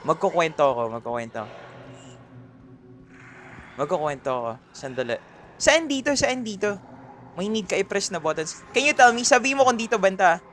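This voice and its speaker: A man's voice: high voice, big pitch swings, moderate pace, long pauses, fairly bright tone, slight background noise. A man with a Filipino accent doing livestream gameplay commentary, greeting chat viewers by name and mixing Tagalog and English. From Philippines. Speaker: streamer.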